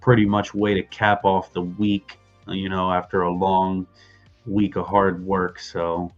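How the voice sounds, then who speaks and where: A man's voice: low-pitched, level tone, unhurried, soft background music. A laid-back man guest in a casual chat, full of "you know" fillers, over dull lo-fi audio.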